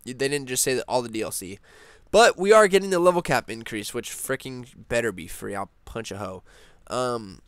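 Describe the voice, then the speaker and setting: A young man hosting a casual gaming news vlog, rambling excitedly with lots of fillers and restarts. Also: medium pitch, brisk, clean tone, no room sound. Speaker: gaming channel host.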